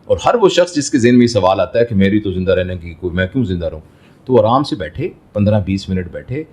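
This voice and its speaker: Male doctor, interview guest, fatherly, lively intonation, rhetorical questions. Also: on the low side, slightly rough. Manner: explains through everyday examples and rhetorical questions; fatherly, addresses listener as son. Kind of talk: reflective interview answer.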